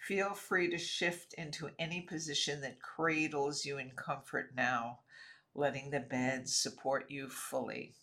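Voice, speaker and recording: A man narrating a scripted sleep relaxation in a soothing, measured, lulling way, with short phrases and pauses. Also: mid-range voice, steady tone, bright, forceful tone.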